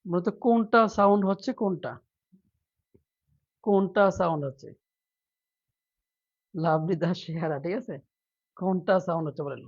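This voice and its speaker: Pausing often at a normal speed, this high-pitched male teacher runs a live online lesson over audio with the highs cut off. He starts with a playful mock plea, then drills his students by repeating questions and pushing them to answer.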